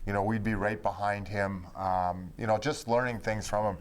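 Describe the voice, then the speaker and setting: A former hockey player reminiscing with old teammates in a relaxed way, filling his talk with "you know". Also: on the low side, moderate pace, slight background noise. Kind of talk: reminiscing conversation.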